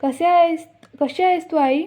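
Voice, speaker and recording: A woman's voice: extremely high pitch, unhurried, dark tone, voice pushed up. A woman reading the lines of a young married woman pleading with her mother, in a plain retelling voice. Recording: dull lo-fi recording.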